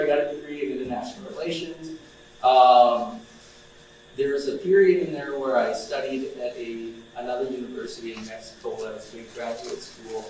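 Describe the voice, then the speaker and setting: A man's voice: medium pitch, far from the mic, a little hiss or hum. Young male speaker, loose and conversational with students; room echo, mic set back. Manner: relaxed and chatty, many fillers and restarts. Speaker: outreach coordinator speaking to students. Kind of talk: informal talk to students.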